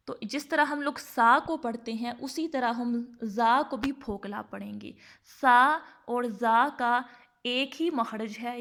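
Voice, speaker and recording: Lady teaching quran reading, kinda high voice, asks stuff then answers herself, stretches each letter out slow. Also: fairly bright tone. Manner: slow, drawn-out demonstration of letter sounds; asks and answers her own questions. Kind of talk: tajweed lesson.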